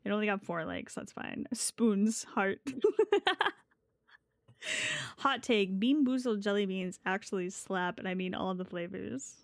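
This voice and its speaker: A woman's voice: medium pitch, fairly even intonation, moderate pace, dry recording. A woman streaming casually as a VTuber, talking in a playful, giggly gamer-girl way with swearing, close on the mic. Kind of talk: casual live stream chat.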